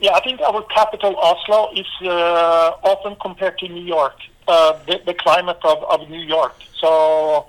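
A man from Norway with a Norwegian accent, a former volleyball player answering interview questions in halting English full of fillers and restarts. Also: sits high, flat delivery, low-quality recording.

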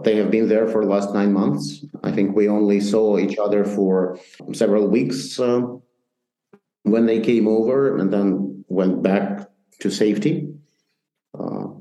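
Slow-talking Ukrainian man in a roomy space. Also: fairly low pitch, warm tone. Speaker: interview guest, soldier and communications manager. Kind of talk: remote interview, conversational. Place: bomb shelter. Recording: roomy, echoing remote connection.

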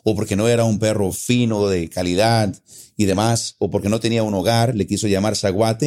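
A guest from Costa Rica with a mid-range, slightly mellow voice and a Costa Rican accent explains local words. He's patient in this casual conversation and often repeats his points.

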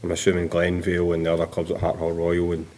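A man's voice: low-pitched, completely flat delivery, fast talker, dark tone. A man with a Scottish accent chatting casually in a group conversation. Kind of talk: casual chat.

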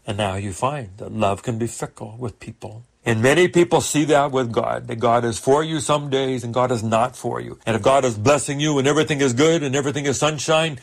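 A man's voice: mid-range voice, brisk, vocal fry, hardly any pauses. An older man, a pastor, preaching a sermon with earnest, emphatic rises.

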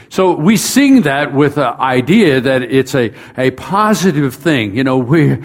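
A pastor preaching a sermon in a conversational way, talking straight to his congregation and building up to emphatic rhetorical questions. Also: mid-range voice. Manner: conversational, speaks directly to the congregation.

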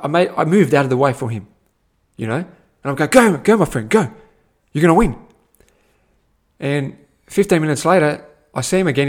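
A young adult man, a personal growth teacher with a slightly high voice, delivers a casual motivational talk. He's animated and repetitive, frequently calling the listener "my friend."

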